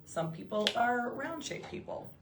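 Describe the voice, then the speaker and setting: A woman's voice: on the high side, sing-song, unhurried, fairly bright tone. A middle-aged woman co-hosting a live product show, bubbly and enthusiastic, often talking straight to viewers. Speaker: co-host of a live eyewear show.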